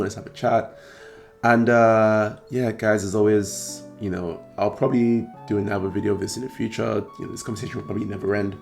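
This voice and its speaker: Rambling to camera on his trading card channel, a British-accented man speaks in a gravelly, croaky, hoarse voice and frequently clears his throat. His voice sits lowish and sounds a little mellow.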